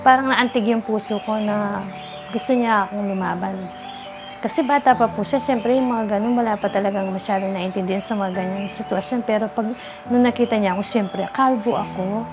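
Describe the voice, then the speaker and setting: A woman giving a soft-spoken, earnest testimonial interview, politely answering an interviewer. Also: mid-range voice, normal speed. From Philippines. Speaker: interviewee, cancer survivor. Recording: music bed underneath.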